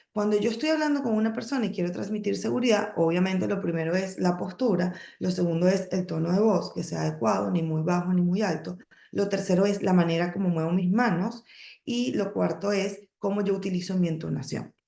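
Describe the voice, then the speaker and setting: Gravelly woman coaching in an echoey room. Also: medium pitch, warm tone. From emigrated to the United States, lives in Texas. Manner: coaching, emphatic, with pauses and self-corrections. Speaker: network marketing trainer. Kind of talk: training talk on public speaking.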